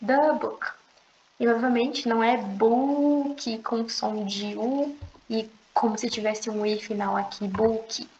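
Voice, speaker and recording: A young woman teaching an online language lesson, explaining patiently and repeating slow, drawn-out pronunciation examples. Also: a little high, a little mellow, a little hiss or hum. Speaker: English teacher. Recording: echoey room, dull lo-fi sound.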